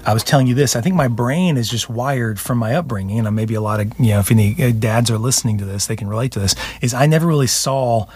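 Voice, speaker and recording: A man who co-hosts a parenting podcast as a counselor, speaking in a reflective, casual way and growing lively when he tells stories. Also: medium pitch, fast, hardly any pauses, husky. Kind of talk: casual conversation.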